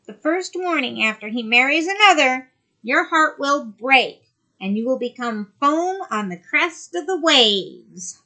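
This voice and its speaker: A woman voicing a shrill gloating sea witch. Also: animated, unhurried, full character voice. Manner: loud, high and gloating. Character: cruel mocking old female sea witch.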